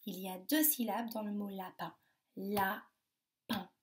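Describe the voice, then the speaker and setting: A woman teaching a phonics lesson to young children, sounding out words slowly with over-articulated, emphatic syllables. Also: mid-range voice, darkish tone.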